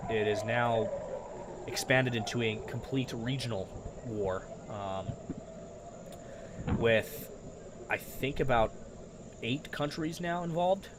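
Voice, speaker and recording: A man's voice: medium pitch, noisy background. A man hosting a live breaking-news stream, reading viewer comments aloud and talking unscripted with frequent fillers. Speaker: livestream news host.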